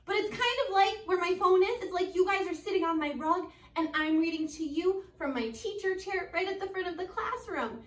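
Her pitch extremely high, a young American teacher in her twenties reads a picture book aloud to her elementary class. She stays animated, expressive and deliberate, slipping in chatty asides and questions for the kids. A phone camera a few feet away records the roomy classroom.

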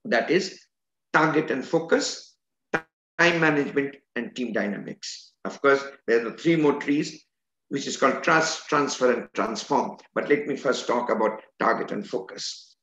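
A man's voice: medium pitch, normal speed, fairly bright tone. An older man, an educator, giving an earnest and emphatic online lecture over a video call from a room at home. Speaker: educator and trainer. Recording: roomy, dull video-call audio.

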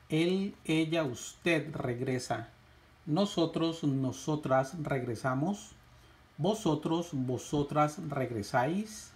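A man teaching a lesson, reciting verb conjugations in a slow, measured drill with rising lists. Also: a little high, darkish tone. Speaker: Spanish teacher.

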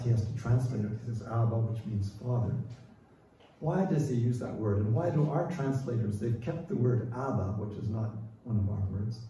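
A man preaching a sermon as pastor, earnest and emphatic, with many pauses and fillers. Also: medium pitch, warm tone, a little hiss or hum. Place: large church hall. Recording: distant mic in a very echoey hall.

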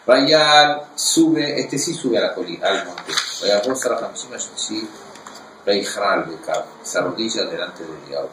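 A man teaching a Torah class, reading verses in Hebrew and explaining them in an animated way. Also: on the low side, measured pace, echoey room, recorded from a distance, noisy background.

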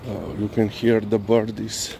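A slow-talking man, chatting as he walks his dog along city streets at night. His voice is mellow and unhurried, recorded on a phone with faint traffic noise behind him. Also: on the low side, little pitch movement, gravelly. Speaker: dog owner vlogger. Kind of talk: casual walking commentary. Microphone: handheld phone camera filming while walking.

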